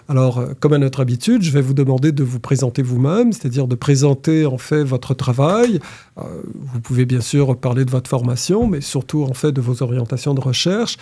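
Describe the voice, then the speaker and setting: Mellow-voiced man hosting a podcast. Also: medium pitch, slightly rough. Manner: measured, formal questioning. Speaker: podcast host. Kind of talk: academic interview.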